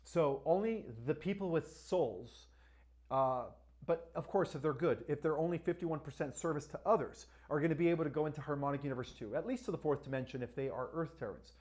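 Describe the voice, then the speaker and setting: A man with a Spanish accent hosts a live-stream Q&A, answering viewers' questions. His voice sits a little on the high side, and he talks emphatically, tagging lines with "all right" and "right?". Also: fairly quick, a little mellow. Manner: asks viewers to like and share. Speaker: livestream host.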